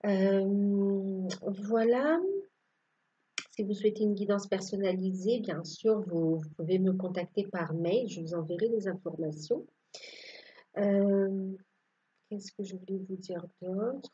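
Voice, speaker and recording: Slow-talking lady doing a tarot reading, husky mellow voice, lots of ums, kinda muffled lo-fi sound. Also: medium pitch, steady tone. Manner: hesitant, many fillers and restarts. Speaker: tarot card reader. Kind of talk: casual spoken tarot reading.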